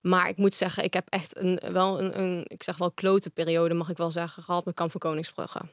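Woman guest chatting openly, pretty monotone, dry mic. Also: fairly low pitch, fairly quick, dry recording. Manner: frank, talks at length. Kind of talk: casual interview talk.

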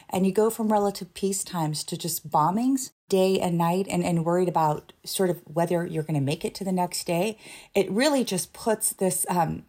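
Middle-aged woman guest, low-pitched and earnest, former official. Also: darkish tone. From Iran. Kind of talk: interview conversation.

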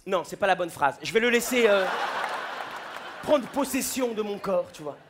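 A man's voice: high-pitched, animated, moderate pace, crowd noise, noisy background. A young man doing a stand-up routine on a festival stage, acting out the people in his stories in quoted voices. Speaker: stand-up comedian. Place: large comedy festival stage. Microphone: stage microphone.

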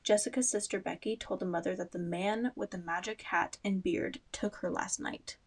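Young woman host, casual true-crime chatter, rambling asides, mid-pitched voice. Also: fairly even intonation, normal speed. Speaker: podcast host.

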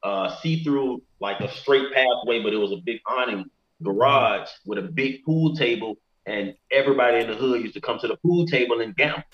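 A man's voice: medium pitch, normal speed. A man telling a personal story casually as a guest, candid and slangy. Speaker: interview guest. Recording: echoey room, muffled audio.

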